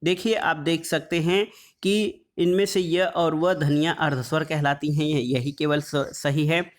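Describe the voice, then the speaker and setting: A man teaching an exam-prep lesson on Hindi phonetics, reading quiz questions and then explaining the answers, drawing out letter sounds slowly as he lists them. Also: a little high, fairly even intonation. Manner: draws out sounds slowly when listing letters; calls the audience "friends".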